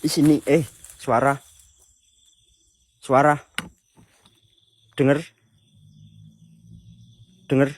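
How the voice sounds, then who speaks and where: A young man hosting a ghost-hunting vlog at an abandoned villa at night, talking in a hushed, low voice as he calls out to spirits. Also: flat delivery, very slow, pauses often, a little hiss or hum. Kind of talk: live ghost-hunt exploration vlog. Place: abandoned villa at night, outdoors among crickets.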